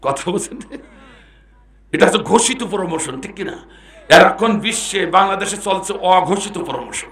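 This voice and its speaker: A hoarse man with a Bangladeshi Bengali accent preaching a sermon, dropping to low confiding talk and then breaking into loud shouts as he quizzes the crowd. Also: lively intonation, normal speed, reverberant. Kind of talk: Islamic sermon at a mahfil.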